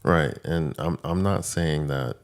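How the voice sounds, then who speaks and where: A man with an extremely deep voice and a heavy gravelly fry speaks as a podcast co-host. He thinks aloud reflectively, restarting phrases and posing questions in easygoing conversation. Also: takes it slowly. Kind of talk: casual chat.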